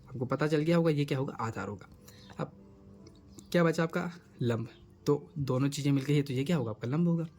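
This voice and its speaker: A man's voice: fairly high pitch, a little mellow. A man teaching a math lesson at a board, who keeps asking his students questions and answering them himself. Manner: repeats questions to the students, coaxing.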